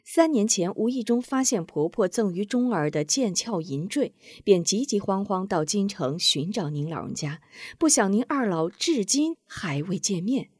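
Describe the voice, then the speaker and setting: An earnest middle-aged mother from a storybook tale, voiced by a woman narrator. She explains at length with a lively, rising pitch that climbs when flustered. Close, dry recording. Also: normal speed, husky, no room sound. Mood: explaining.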